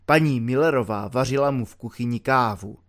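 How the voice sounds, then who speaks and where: A man narrating an audiobook in a measured storytelling way, slowing down for the dramatic lines. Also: mid-range voice. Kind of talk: audiobook reading.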